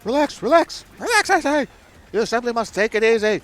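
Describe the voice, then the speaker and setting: A man's voice: very high-pitched, sing-song, a little fast, fairly bright tone, soft background music, heavily acted. A man voicing a flamboyant, vain merchant adventurer from a video game, grandiose and theatrical in manner. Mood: panicked, blustering. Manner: grandiose, theatrical, stammers when frightened.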